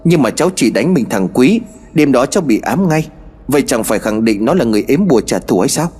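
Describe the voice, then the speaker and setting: A man's voice: mid-range voice, very animated, fast, darkish tone, breathy edge. A man voicing a desperate, bewitched young man who stammers and speaks with a sense of grievance, in a spoken horror story. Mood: aggrieved. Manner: stammering, aggrieved.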